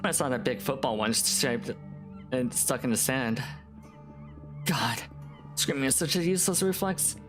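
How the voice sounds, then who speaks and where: A man's voice: mid-range voice, animated, unhurried, long pauses, over music, close to an everyday voice. A man voicing a tough young woman in a game who wryly recounts an embarrassing memory. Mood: rueful.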